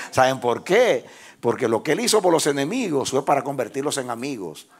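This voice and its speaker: A man preaching a sermon as pastor, who leads his congregation in call-and-response and rises into shouted, half-sung phrases. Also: mid-range voice, big pitch swings, moderate pace, husky. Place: church with congregation.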